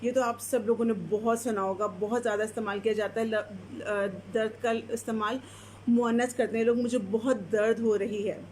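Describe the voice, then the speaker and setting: A woman with a slightly high voice leads a live online language lesson. She explains rules patiently, pauses with fillers, and answers viewers' comments as she goes. Faint background noise sits under the recording. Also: fairly even intonation, darkish tone. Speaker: Urdu language teacher.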